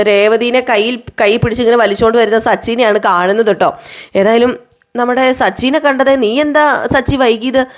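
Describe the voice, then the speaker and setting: Chatty woman retelling a serial. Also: on the high side. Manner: chatty, addresses listeners with tag words. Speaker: serial recap narrator. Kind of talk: casual retelling of a TV serial episode.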